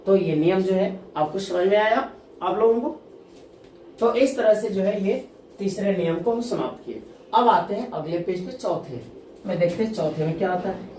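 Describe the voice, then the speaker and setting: A woman teacher giving a classroom-style grammar lesson, asking questions and answering them herself, repeating key terms and reading example sentences slowly. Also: mid-range voice, warm tone. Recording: echoey room, distant mic, faint noise.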